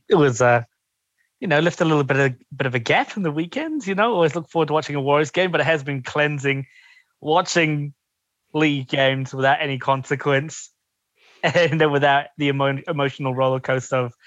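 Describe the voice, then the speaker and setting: Kiwi guy chatting casually on a podcast, dry muffled mic, bit higher voice. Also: brisk, fairly bright tone, no echo. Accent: New Zealand. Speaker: podcast panellist. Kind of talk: casual chat. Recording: dull, dry lo-fi microphone.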